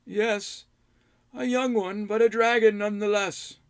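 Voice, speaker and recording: A man voicing a gaunt old male hermit who chides slowly in a high, quavering voice. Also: fairly even intonation, clear, resonant tone, no room sound. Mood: chiding. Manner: slow, drawn-out, high quavering delivery. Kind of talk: audiobook character voice.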